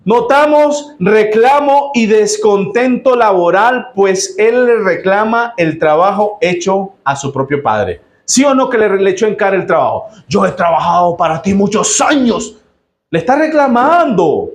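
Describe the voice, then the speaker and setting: A man with a Nicaraguan accent delivers a sermon in a fairly high voice, emphatic and full of exclamations. He keeps quizzing the congregation with rhetorical questions. The church around him sounds roomy and echoing. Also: very animated, measured pace, hardly any pauses. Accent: Nicaraguan Spanish. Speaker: pastor.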